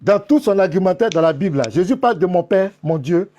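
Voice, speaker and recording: A man with a high-set voice argues in a heated religious debate, pressing his point again and again. He talks over his opponent and keeps telling him to calm down and let him finish. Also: a little fast. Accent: French-speaking African. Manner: insistent, talks over the other man, repeats himself.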